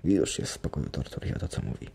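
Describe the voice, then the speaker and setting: A man's voice: quick pace, dark tone, a little hiss or hum, close to an everyday voice. A man voicing an obsessive, manic masked man who talks feverishly and boasts, in an ASMR bedtime storybook reading. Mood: boastful. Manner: feverish, wheedling, then boastful.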